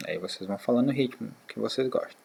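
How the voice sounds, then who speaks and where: A man teaching a beginner English lesson to schoolchildren, saying model phrases slowly and repeating them, checking in with short "tá?" tags. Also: lowish voice, gravelly, warm tone, breathy edge. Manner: slow, drawn-out model phrases, repeated for practice; fillers like "tá?" and "né". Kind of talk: English lesson for sixth graders.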